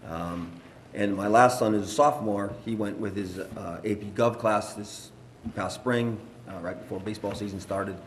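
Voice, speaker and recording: A very deep-voiced man speaks earnestly, in a loose, rambling way with plenty of fillers, as a teacher and parent at a school board meeting. His voice carries around an echoey room with a faint hum of ambience behind it. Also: normal speed. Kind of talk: informal public remarks.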